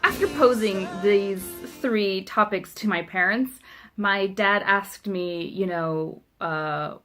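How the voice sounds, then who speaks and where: Soft background music plays as a young South African woman speaks slowly in a mid-range, slightly bright voice. A vlogger and native Afrikaans speaker, she chats wryly and self-mockingly through a casual video letter to a friend, with many ums.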